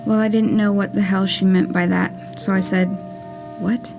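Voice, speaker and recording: At a live theatre show with music playing, a woman performs a letter-style monologue she wrote for a puppet play, telling it wryly and plainly. Her medium-pitched voice is gravelly and flat in delivery, at a moderate pace.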